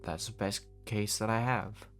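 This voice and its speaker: A man playing a weary, deep-voiced leader. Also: steady tone, measured pace, fairly bright tone, soft background music. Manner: rambling, reasoning aloud, frequent restarts. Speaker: roleplay lead. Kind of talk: casual voice-acted roleplay.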